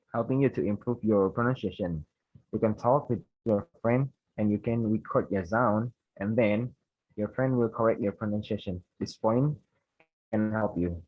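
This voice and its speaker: A young Indonesian man speaks English with his Indonesian accent, presenting study tips for a class assignment. His voice sits a little low and husky, and he reads his points haltingly and corrects himself often. The recording is dry and muffled, with a lo-fi dullness. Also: no room sound. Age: young adult. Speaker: university student presenter.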